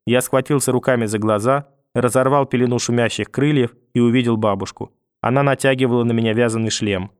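Calm male audiobook narrator, dry sound. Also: mid-range voice, smooth, no echo. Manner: calm, measured, dreamlike storytelling. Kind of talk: scripted narration.

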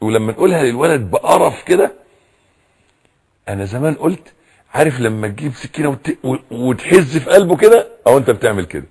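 A man with an Egyptian Arabic accent giving a religious lecture on raising children. He is animated, acts out quoted voices and repeats words for emphasis. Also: medium pitch, quick pace, breathy edge. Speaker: preacher.

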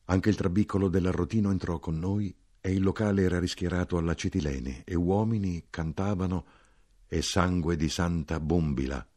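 A man narrating a literary audiobook in a measured, evocative way. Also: deep voice, dark tone.

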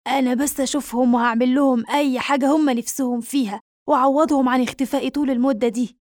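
Anxious man pleading fast, a woman reading him out. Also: sits high, steady tone, a little mellow, dry recording, clean studio sound, natural voice. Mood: eager. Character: anxious male businessman, pleading and indignant.

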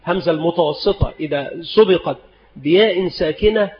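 A man teaching spelling rules in a deliberate lecture, repeating each rule and example. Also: a little high, a crowd in the background. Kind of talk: recorded lecture. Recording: dull lo-fi recording in a reverberant hall.

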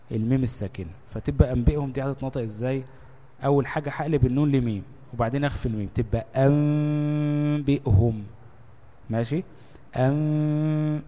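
A man's voice: medium pitch, warm tone, in a large hall. A man with an Egyptian Arabic accent teaching a religious lesson on Quran recitation, explaining step by step and answering his own questions as he moves between formal Arabic and Egyptian dialect.

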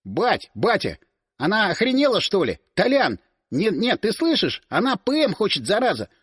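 A man's voice: sits high, animated, fairly quick, no room sound, studio quality. A man doing an indignant teenage boy. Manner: indignant, sputtering. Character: touchy indignant teenage boy nicknamed Rat.

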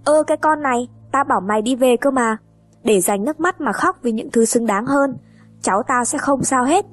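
A woman reading an audiobook, voicing a sharp-tongued, angry aunt. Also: high voice, moderate pace, faint music behind, voice pushed up. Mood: scolding.

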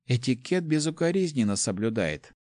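A quiet, reserved young servant girl gives short, plain answers in a lightly raised voice, as a man reads her. Her delivery stays matter-of-fact and close to the mic. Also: medium pitch, sing-song, normal speed, no echo, close to an everyday voice. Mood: dry. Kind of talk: audiobook character voice.

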